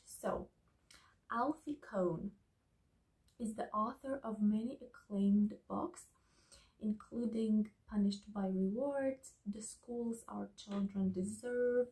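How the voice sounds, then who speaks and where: A woman giving a soft-spoken ASMR book review, talking slowly and slipping into whispers. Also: medium pitch, rough recording. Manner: slow, soft, partly whispered talk.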